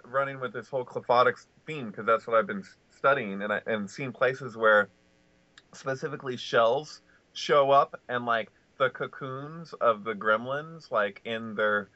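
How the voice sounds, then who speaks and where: A man in casual podcast chat, talking in a halting way with constant "like" and many restarts. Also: medium pitch, bright, forceful tone, no room sound. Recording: dry, lo-fi audio.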